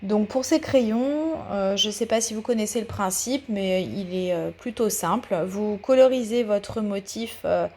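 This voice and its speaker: In this paper craft tutorial voice-over, a woman with a medium-pitched, warm voice explains every step patiently. She hesitates a lot, pausing frequently and filling gaps with fillers.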